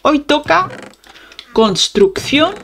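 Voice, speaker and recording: A woman's voice: sits high, big pitch swings, extremely slow, a bit bright, a little hiss or hum. A young woman hosting a gaming channel, chatting casually to her viewers as she plays and humming little sound effects. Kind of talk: casual gameplay commentary.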